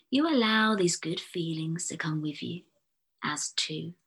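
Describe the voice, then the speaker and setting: Hushed, husky woman guiding a visualisation. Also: medium pitch. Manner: slow, soothing, hushed delivery. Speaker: fertility therapist. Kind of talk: whispered guided visualisation.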